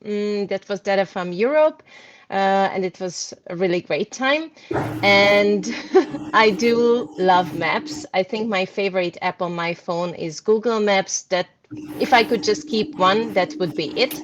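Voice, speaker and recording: A woman's voice: mid-range voice, measured pace, background noise. A woman from Hungary, a guest speaker answering questions casually with many hesitant fillers.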